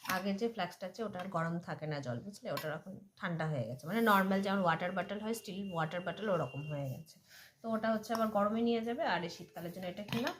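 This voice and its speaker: A woman's voice: mid-range voice, fast talker, a little hiss or hum. A woman, a mother chatting casually to viewers in a home vlog and often checking in with them. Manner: chatty, addresses viewers with frequent check-ins. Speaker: family vlogger and mother.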